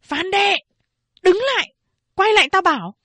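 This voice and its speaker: A woman's voice: expressive, moderate pace, bright, forceful tone, dry recording, exaggerated voice. A woman playing a shrieking old peasant mother. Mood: furious shouting. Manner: shrill scolding, wailing curses. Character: furious worn-out peasant mother, older woman.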